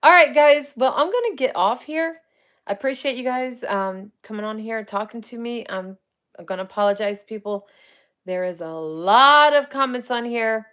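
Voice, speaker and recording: A woman in her forties speaks at a moderate pace in a voice on the high side, fairly bright and clean in tone. As a psychic medium and paranormal streamer, she handles viewer comments in casual livestream chat, often laughing, naming the people she greets and using colloquial grammar.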